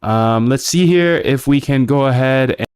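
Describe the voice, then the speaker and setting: A man's voice: mid-range voice, normal speed, darkish tone, smooth, dry recording, clean studio sound. A man casually talking through his live coding stream, thinking aloud and answering chat bluntly. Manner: blunt, chatty, thinks aloud while working. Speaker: live-streaming developer of trading bots.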